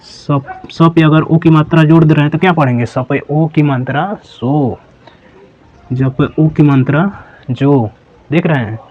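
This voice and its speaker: A man teaching a slow, step-by-step lesson, patiently repeating each syllable and checking that viewers follow. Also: a little high. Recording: dull lo-fi sound.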